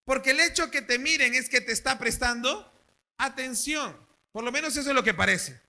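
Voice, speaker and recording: A male pastor with an extremely high-pitched voice preaches a sermon at a church service at a moderate pace. He is animated and keeps asking the congregation questions.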